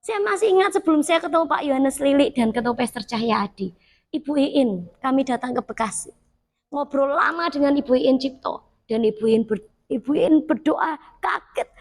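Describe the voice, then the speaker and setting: A middle-aged woman preaches in a high voice, telling her own stories. She leaps upward in pitch to act out her past prayers. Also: normal speed, a little mellow. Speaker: pastor. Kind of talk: sermon with personal stories.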